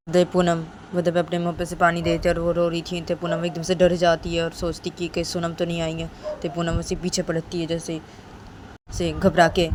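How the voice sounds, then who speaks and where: Rambling woman storyteller, low voice. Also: darkish tone, slight background noise. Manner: rambling, repeats names constantly. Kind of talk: casual serial story narration.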